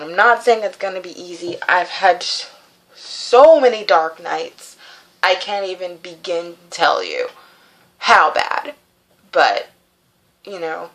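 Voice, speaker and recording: A woman's voice: mid-range voice, low-quality recording. A woman in her twenties giving an informal, heartfelt video message in an earnest, encouraging manner. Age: 20s. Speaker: vlogger sharing a personal message of support. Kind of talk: informal, heartfelt talk to camera.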